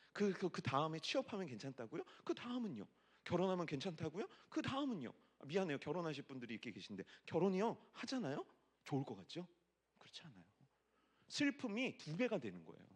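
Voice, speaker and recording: A man in his forties preaching as a pastor, chatty and teasing with the congregation, his voice swinging between loud and hushed. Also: on the high side. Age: 40s. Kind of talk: sermon at a youth worship service.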